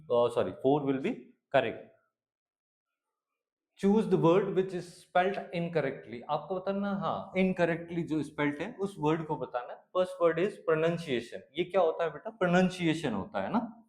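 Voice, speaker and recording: Indian man, exam tutor, slightly higher voice, patient, self-questioning, slow English read-outs. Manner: patient, asks and answers his own questions, reads English slowly. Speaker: exam-prep English teacher. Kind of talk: explaining grammar MCQs in Hindi-English mix.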